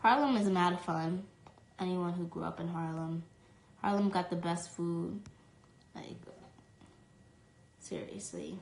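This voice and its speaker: A young New York woman streams live from her phone, reading fan questions aloud and answering chattily with lots of "um" and "like." Her voice is on the low side and darkish, in an echoey room with a little hiss or hum and poor audio.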